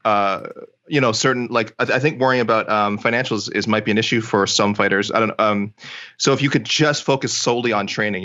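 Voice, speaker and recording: Male co-host on a glitchy video call. Deep-leaning voice, rambling and full of restarts. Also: fairly bright tone, lo-fi sound. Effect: breaking-up bad internet connection. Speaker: co-host asking the guest questions. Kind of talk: casual chat on a video call.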